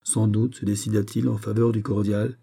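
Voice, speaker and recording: A male audiobook narrator reading a classic novel in a measured, even way. His voice sits low and very dark, with a husky, breathy texture.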